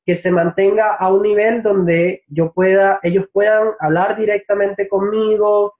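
A man from Venezuela, a Spanish teacher, answering interview questions in a reflective way, often pausing to search for words and laughing easily. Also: sits high, fairly even intonation. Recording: dull, lo-fi recording.

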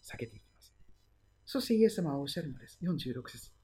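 A pastor preaching a sermon and retelling the story, often letting phrases trail into a hush. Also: mid-range voice, expressive, fast talker, slightly rough.

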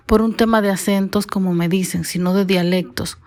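Hosting her own podcast, a woman from the Dominican Republic talks alone to her listeners in a medium-pitched, steady, slightly mellow voice at a moderate pace. Her speech is careful and formal, shaped by broadcasting training.

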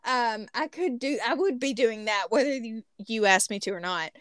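A woman's voice: on the high side, moderate pace, a bit bright, smooth, no room sound, studio quality. A middle-aged woman with a Southern American hillbilly accent, chatting casually and self-deprecatingly as a podcast host. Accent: Southern US hillbilly, Appalachian-like. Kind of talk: casual chat.

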